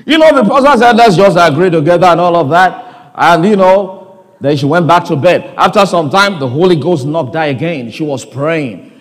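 Male pastor, sermon, high voice, storytelling, loud then hushed, long hall echo. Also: expressive, normal speed. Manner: storytelling preacher, swings between loud and soft. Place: convention hall.

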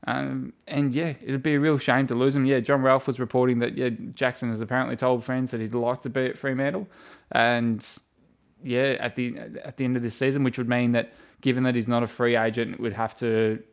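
Australian male sports co-host, casual and hesitant, mid-pitched, recorded in a country shed. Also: flat delivery, fairly quick. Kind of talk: casual football discussion. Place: in a wooden shed in the countryside, poorly soundproofed.

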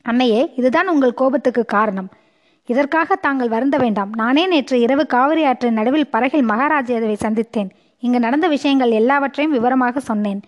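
A woman's voice: a little high, moderate pace, muffled recording, lightly acted. A woman reading the lines of an earnest young prince in an audiobook story, in a pleading manner.

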